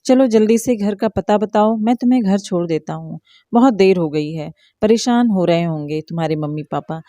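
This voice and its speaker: A woman voicing a kind young man who talks gently and reassuringly in a storybook. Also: medium pitch, moderate pace, dry recording, clean studio sound, lightly acted. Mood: earnest. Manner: gentle, reassuring, lecturing softly.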